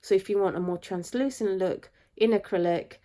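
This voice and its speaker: A woman sounds stuffed up and nasal from a flu as she talks casually into a camera she holds at arm's length while lying in bed. She rambles through long explanations in a chatty, relaxed way, speaking as an artist vlogger. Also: mid-range voice, moderate pace. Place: her bed, indoors. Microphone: handheld camera at arm's length.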